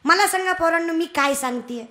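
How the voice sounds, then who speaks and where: A woman's voice: extremely high pitch, a little fast, sharp tone. A young woman preaching a devotional kirtan sermon, teasing and scolding the crowd. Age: young adult. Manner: scolding, teasing, calls out to the audience.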